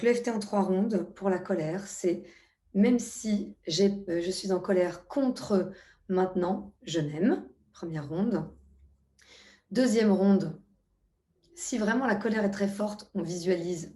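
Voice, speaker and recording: A middle-aged woman talks viewers through a self-help tutorial, step by step, in a calm and guiding way. Her voice is mellow and relaxed, with a few hesitations between phrases. The room gives it a noticeable echo. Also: fairly low pitch. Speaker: EFT practitioner. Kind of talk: spoken tutorial.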